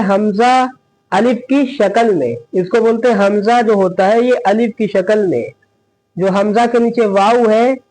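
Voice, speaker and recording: Slow, high-voiced man teaching Quran letters. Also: darkish tone, poor audio. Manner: spells out Arabic letters one by one, patient. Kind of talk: slow recitation lesson.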